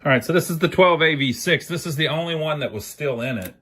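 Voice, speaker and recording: Fast and sharp-toned, a man with a voice on the high side narrates a hands-on fix for his amateur electronics repair channel. His talk is casual and folksy, thinking aloud as he works.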